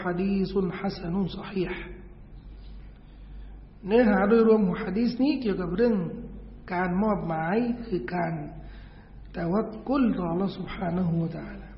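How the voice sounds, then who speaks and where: High-voiced man teaching in an echoey hall. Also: a little hiss or hum. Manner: explains patiently, repeats words to drill pronunciation; asks rhetorical questions of listeners. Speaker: Islamic religious teacher. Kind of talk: hadith lesson on Arabic pronunciation. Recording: echoey hall, dull lo-fi sound.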